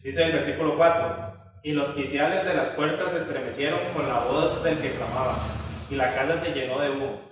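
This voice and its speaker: A man's voice: on the high side, a little fast, noisy background. A man teaching a Bible study lesson in a conversational way, with many filler tags and restarts. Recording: echoey hall from far off.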